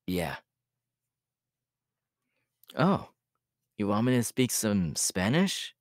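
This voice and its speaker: [name], a man playing an easygoing, slow-talking young student. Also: on the low side, no room sound, clean studio sound, full character voice. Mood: bashful. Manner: hesitant, chuckling, informal, speaking straight to the listener. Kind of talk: ASMR audio roleplay, one-sided casual chat.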